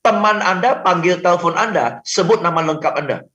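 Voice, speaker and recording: A man coaching on a radio talk show, animated, acting out sample phone calls and often asking for agreement. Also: high-pitched, fairly quick. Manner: animated, acts out phone calls, frequent "betul kan?". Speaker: sales trainer guest. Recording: roomy, dull lo-fi radio audio.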